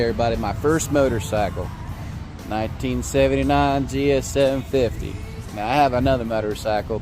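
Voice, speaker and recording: Plainspoken American man vlogging casually. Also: mid-range voice. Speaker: motorcycle vlogger. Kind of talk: casual vlog chat.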